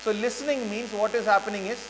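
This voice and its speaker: A high-voiced man with an Indian English accent lectures students in a long-reverb hall. He poses rhetorical questions and repeats his main points to drive them home. A faint electric hum sits under the voice. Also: fairly even intonation, fast. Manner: rhetorical questions, repeats key phrases for emphasis. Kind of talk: motivational classroom lecture.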